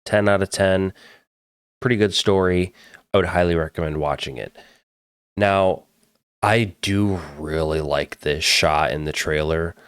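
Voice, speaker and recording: A man's voice: sits low, smooth, no room sound, clean studio sound. A man hosting a podcast, chatting casually and bluntly about a movie trailer, swearing now and then. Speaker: podcast host reacting to a trailer. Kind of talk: casual trailer reaction commentary.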